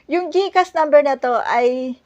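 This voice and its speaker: A woman's voice: sits high, a little slow, voice pushed up. A woman quoting a pushy, evasive phone debt collector in an insistent, demanding way, raising her voice slightly for the quotes.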